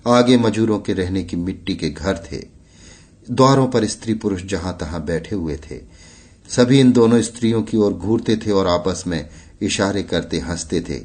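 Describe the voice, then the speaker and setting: A man reading a classic Hindi short story aloud in a measured, literary way. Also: sits low, darkish tone. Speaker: audiobook narrator. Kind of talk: scripted story narration.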